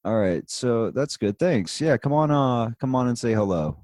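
A man's voice: medium pitch, animated, normal speed, a little mellow, no room sound, clean studio sound. A man hosting a live show in casual chat, rambling along with easygoing asides. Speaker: host.

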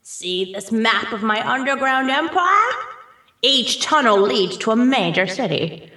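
A woman's voice: fairly high pitch, big pitch swings, a little slow, pushed and bright, full character voice. Woman doing a gloating underground villain, hammy radio play, really swoopy delivery, roomy echo. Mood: menacing gloating. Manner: grandiose, gloating, theatrical. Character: megalomaniac underground villain Mole Man, gloating and theatrical. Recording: roomy echo, distant from mic.

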